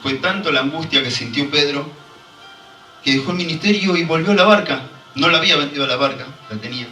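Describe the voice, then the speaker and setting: Preacher, bright voice, echoey church. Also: male voice, on the high side, quick pace, distant mic, faint music behind. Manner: impassioned preaching with call-and-response. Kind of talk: sermon. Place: church hall.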